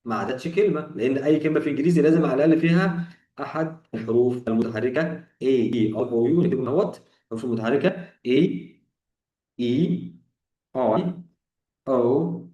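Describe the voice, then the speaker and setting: A man with an Egyptian Arabic accent teaches an English grammar lesson, working through it step by step, repeating examples and posing rhetorical questions. His voice is fairly high, mellow and animated, and he talks at a quick pace. He sounds distant and off-mic in an echoey room.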